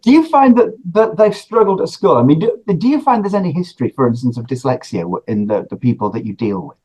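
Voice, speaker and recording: A man's voice: medium pitch, lively intonation, quick pace, a little mellow, slightly rough, poor audio. A man with a northern English accent hosting an interview, asking chatty questions and correcting himself as he goes. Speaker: interviewer host. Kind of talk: conversational interview.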